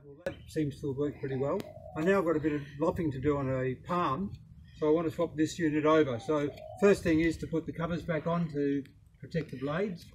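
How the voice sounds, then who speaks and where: An older Australian man talks through a garden tool demo in a plain, unhurried way, pausing on ums and uhs. His voice sits a little high for a man. It's recorded outdoors in a front garden on a camera mic, with clear background noise. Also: darkish tone, low-quality recording. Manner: plain, unhurried, hesitant with fillers. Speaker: product demonstrator. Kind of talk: casual product demo.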